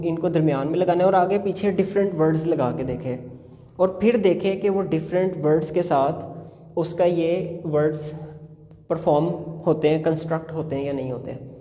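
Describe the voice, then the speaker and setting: A man teaching English spelling sounds in a phonics lesson, slowly drawing out each word. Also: high voice, mellow, big-room sound. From Punjab, Pakistan. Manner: slow drawn-out sounding of words.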